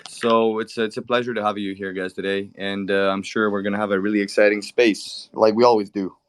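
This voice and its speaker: A man with a low voice hosts a casual online audio chat. He sounds upbeat and often repeats words as he asks questions. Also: level tone, brisk. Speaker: host. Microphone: online audio stream.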